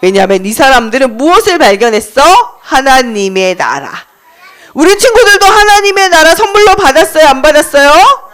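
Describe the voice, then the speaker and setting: Lively, high-pitched woman telling a children's sermon. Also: moderate pace. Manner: sing-song storytelling, asks children questions, shouts chanted lines. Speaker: children's Sunday school teacher. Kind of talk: children's sermon with call-and-response. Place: church service.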